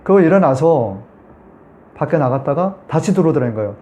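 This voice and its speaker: A male pastor gives a Sunday sermon as a story, often turning to the congregation with questions. His pitch sits fairly high and moves up and down a great deal. His tone is mellow and warm. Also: brisk. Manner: animated storytelling, conversational with the congregation.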